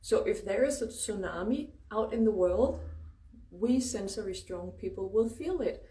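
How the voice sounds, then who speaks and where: A woman's voice: medium pitch, animated, unhurried, mellow. A woman with a Danish accent, a native Danish speaker, giving a casual spiritual talk as host, informal and emphatic with free swearing. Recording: roomy echo, distant microphone.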